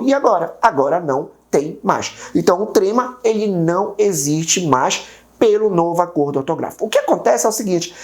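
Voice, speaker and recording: Brazilian woman teacher, gravelly voice, keeps asking herself questions then answering, exam prep lesson. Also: mid-range voice, darkish tone. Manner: asks and answers own rhetorical questions; repeats key rules, checks in with viewers.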